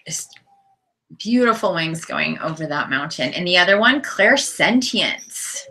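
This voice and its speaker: A woman giving a live tarot reading, earnest and emotional, reading card texts aloud and often dropping to a soft whisper. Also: on the low side, lively intonation, measured pace, low-quality recording. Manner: spiritual, chatty, reads card texts aloud. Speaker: tarot reader.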